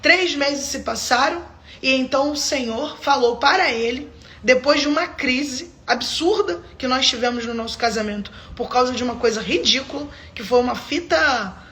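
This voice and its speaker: A woman's voice: high voice, moderate pace, fairly bright tone. A woman giving a personal faith testimony on a live stream, telling her story emphatically and speaking straight to her viewers.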